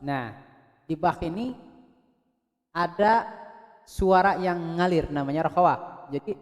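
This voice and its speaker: A man teaching Quran recitation, drilling throat sounds and joking with imagined students while clearing his throat. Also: fairly high pitch, slow pace, big-room sound. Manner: drills throat sounds, loud when demonstrating. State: thirsty, clears throat often. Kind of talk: pronunciation lesson with demonstrations.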